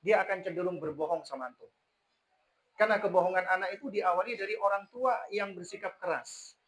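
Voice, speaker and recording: A man with an Indonesian accent giving a religious parenting lecture to a congregation, animated, acting out parents and children. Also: sits high, brisk, low-quality recording. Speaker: Islamic preacher. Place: mosque gathering.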